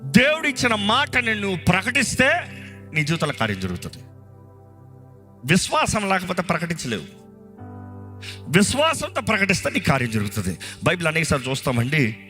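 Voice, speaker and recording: A man's voice: high voice, sing-song, a little fast, long pauses, bright, forceful tone, faint music behind. A male pastor preaching a live sermon and leading prayer, fervent and emphatic, with repeated declarations and English scripture phrases mixed in. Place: church service before a congregation.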